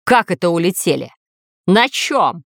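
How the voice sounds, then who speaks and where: A woman voicing a brooding, weary villain lord in a storybook reading, low and snappish. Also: big pitch swings, a little slow, gravelly, fairly bright tone, no echo, studio quality, exaggerated voice. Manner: gloomy, snapping.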